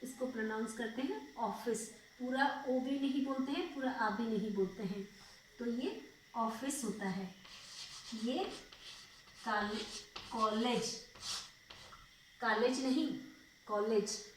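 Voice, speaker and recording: A woman's voice: a little high, slow pace, pauses often, a little hiss or hum. A young woman teaching a school grammar lesson, patiently repeating words and asking checking questions. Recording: very echoey room, voice far off.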